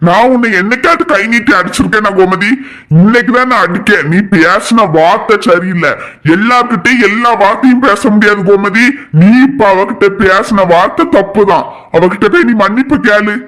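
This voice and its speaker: A man's voice: sits high, normal speed, fairly bright tone. A man voicing a stern head of the family. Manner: firm, scolding commands. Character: stern elder brother and husband heading the family. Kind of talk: cartoon family drama voice acting.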